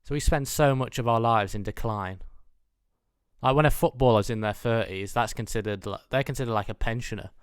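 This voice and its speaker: Speaking a little fast at a medium pitch with a clean tone, a British man in his mid twenties, who hosts his own show, gives a wandering, dryly mock-earnest comic monologue. It's a dry, clean studio recording.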